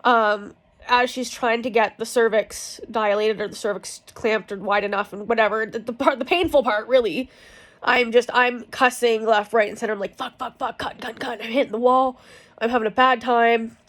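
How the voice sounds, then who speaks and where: A young woman with a slightly high voice tells a story in a loose, chatty ramble. She talks frankly, swears freely and leans on fillers as she goes. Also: fairly even intonation, normal speed, fairly bright tone. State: in pain from cramps. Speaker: vlogger. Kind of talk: casual storytelling chat.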